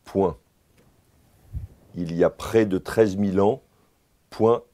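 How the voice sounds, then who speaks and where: A man's voice: sits low, steady tone, takes it slowly, mellow. A man playing a candidate in a comic dictation sketch, answering formally and repeating every phrase with its punctuation.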